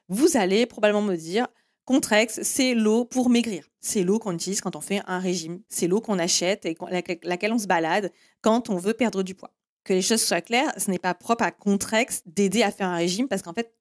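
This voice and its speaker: Woman explaining marketing steps. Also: mid-range voice. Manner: didactic, lists steps, self-deprecating asides. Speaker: marketing agency host. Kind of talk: explanatory marketing podcast monologue.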